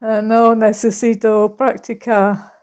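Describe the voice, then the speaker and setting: Woman, learner, very slow, mellow voice, hesitant, repeats words, dull lo-fi audio. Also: a little high, level tone, clean tone. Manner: hesitant, repeating words slowly to practise them. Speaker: language student.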